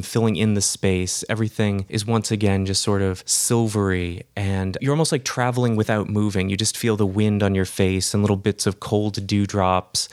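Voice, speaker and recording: A man narrating a tabletop game as game master, relaxed and descriptive. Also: lowish voice, no room sound, clean studio sound. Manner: relaxed, descriptive, with small laughs.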